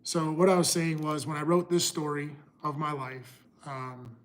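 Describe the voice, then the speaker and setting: A middle-aged man talking casually to his livestream viewers, pausing and restarting often. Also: on the high side, little pitch movement. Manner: halting, restarts often, talks to chat. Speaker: livestream host.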